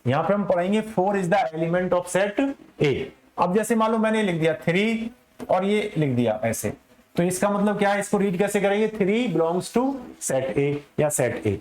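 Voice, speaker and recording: Male maths teacher, high-pitched, lecturing to a class in an echoey room; explains step by step, answers his own questions. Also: a little mellow.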